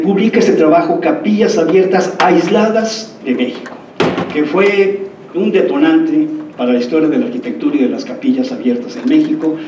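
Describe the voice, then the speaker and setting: A man's voice: a little high, mellow, slight background noise. A Mexican man in his fifties giving a lecture, digressing into anecdotes and often checking in with his listeners. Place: lecture hall. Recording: roomy hall, mic far off.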